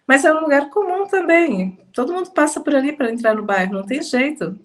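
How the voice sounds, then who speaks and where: A Brazilian woman with a slightly high voice tells a personal testimony slowly and emphatically, with pauses. She sounds a little stuffy, as if holding back sneezes. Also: expressive. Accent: Brazilian Portuguese. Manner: slow, emphatic, with pauses and soft laughs. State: slightly congested, fighting sneezes. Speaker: testimony speaker. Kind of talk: personal testimony, conversational storytelling.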